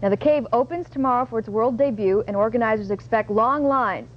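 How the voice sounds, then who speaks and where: A woman TV reporter presenting a live news stand-up in a bright, upbeat way. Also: fairly high pitch, fairly quick. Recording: muffled early-90s broadcast tape.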